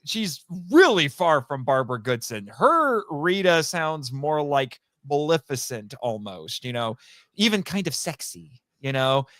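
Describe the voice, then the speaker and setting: A podcast guest who works as a voice actor talks in a casual, enthusiastic interview style, chatty and explanatory, often doubling back to correct himself. His voice is slightly higher than average, bright and forceful, with big pitch swings at a measured pace. The recording is dry, with very little room echo.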